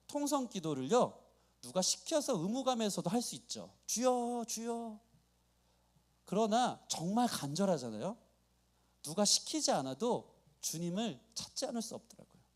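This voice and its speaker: A male pastor delivering a dramatic, emphatic sermon in a church. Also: high-pitched. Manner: dramatic, emphatic preaching with acted-out quotes. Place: church sanctuary.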